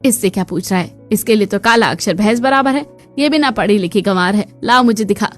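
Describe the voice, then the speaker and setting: A woman voicing an arrogant, rich middle-aged mother in a cartoon story, sharp and scornful. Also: mid-range voice, animated, fairly quick, soft background music, close to an everyday voice.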